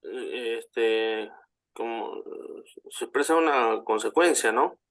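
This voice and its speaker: A man's voice: mid-range voice, slow pace, a bit bright. A man, a student in an online class, asking his teacher questions with hesitant fillers.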